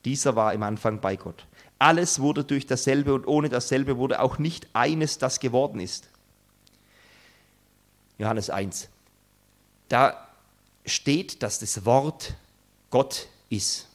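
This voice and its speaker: A man preaching a sermon, earnest and emphatic, building his points with dramatic pauses. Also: mid-range voice.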